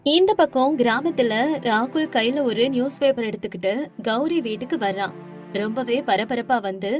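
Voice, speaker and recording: Brief: woman narrator, high voice, clear storytelling, music bed. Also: normal speed.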